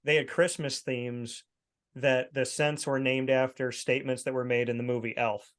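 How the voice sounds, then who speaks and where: A man's voice: medium pitch, flat delivery, moderate pace. A man in his thirties co-hosting a podcast, talking in an emphatic, preachy storytelling way. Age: 30s. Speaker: podcast co-host. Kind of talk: casual chat.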